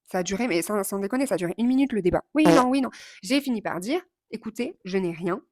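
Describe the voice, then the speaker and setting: Woman, 30s, fiery vlog storyteller, quick mimicry, dry close sound. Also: medium pitch, no room sound. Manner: animated, impulsive, swears and mimics others. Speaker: vlogger.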